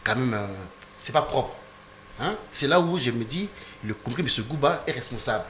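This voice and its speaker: A man's voice: mid-range voice, animated, a little fast, fairly bright tone, a little hiss or hum. A man on a televised political debate panel, defending his side insistently and talking over the others. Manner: insistent, talks over others, repeats "s'il vous plaît".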